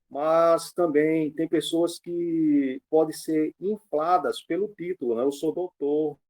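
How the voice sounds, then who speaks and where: A man's voice: fairly high pitch, a little mellow. Man explaining Greek words to a book group. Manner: explanatory, teaching tone with frequent fillers. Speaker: pastor. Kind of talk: book club discussion.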